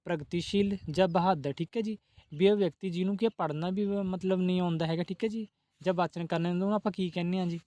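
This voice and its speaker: A man's voice: sits high, darkish tone, no room sound. A man teaching exam-prep questions, who asks each question and then answers it, adding a polite "ji" again and again.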